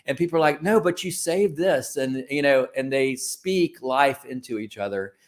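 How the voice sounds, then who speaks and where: A man with a medium-pitched voice talks at a normal speed as a guest on an interview, where he is introduced as the founder of a creative company. His answers are informal and discursive, and he keeps correcting and rephrasing himself as he goes.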